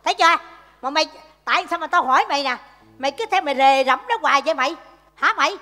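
A bossy mother scolds her beggar kids in a stage comedy sketch. Her voice is very high and bright with a sharp, shrill edge. It echoes in a stage hall over faint music. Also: fast. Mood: scolding.

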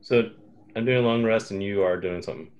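A man's voice: fairly low pitch, fairly quick, dull audio. Easygoing man talking through a board game. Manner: relaxed, thinking aloud, chuckles. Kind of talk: casual game chat.

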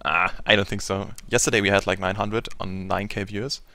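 A man's voice: lowish voice, steady tone, fairly quick, sharp tone, a little hiss or hum. A sleepy German-accented man casting games, chatting casually and rambling on a live stream. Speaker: esports caster.

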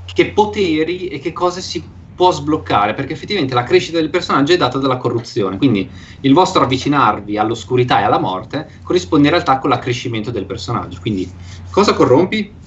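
A man's voice: mid-range voice, expressive, normal speed, fairly bright tone. A man narrating a tabletop horror game as game master, explaining scenes and rules with many fillers. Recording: dull lo-fi sound with faint noise.

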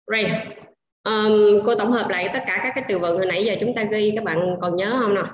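A woman's voice: mid-range voice, a little fast, slight background noise. A woman teacher with a Vietnamese accent reviewing vocabulary in an online class, switching between Vietnamese and English and stressing syllables patiently. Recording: echoey dull room sound.

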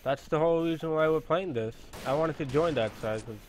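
A man's voice: fairly high pitch, fairly quick, slight background noise. A man in a game's voice chat, chatting casually and teasing crudely. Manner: crude teasing, often laughing.

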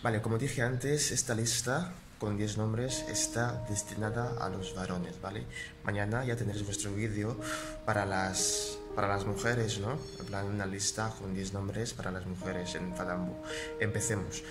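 A man from Equatorial Guinea hosting a casual vlog. He chats with viewers, keeps asking "¿vale?", and says names slowly, repeating each one. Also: lowish voice, fairly even intonation. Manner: chatty, keeps checking in with "¿vale?". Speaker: YouTube channel host. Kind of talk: casual vlog, teaching name translations. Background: loud music.

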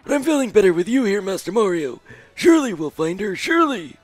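A man voicing a fussy, grumbling, pompous old mushroom gentleman in a video game. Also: sits high, sing-song, fast talker, no echo, soft background music. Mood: resigned, polite. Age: older. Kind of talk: improvised video game character voice.

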